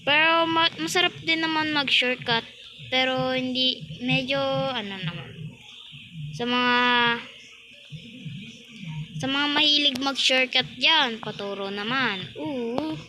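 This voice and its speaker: A woman's voice: sits high, takes it slowly, long pauses, noisy background. A woman with a Filipino accent giving chatty, laughing commentary on a Roblox game, talking to her viewers. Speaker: gaming YouTuber. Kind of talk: casual Roblox gameplay commentary. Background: game music.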